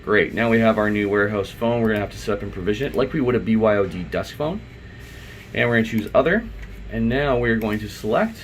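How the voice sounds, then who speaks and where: A fast-talking IT installer with a fairly low, lively voice walks through software on screen step by step, and the recording has a slight hiss or hum. The tutorial is informal and unscripted, with him thinking aloud as he goes.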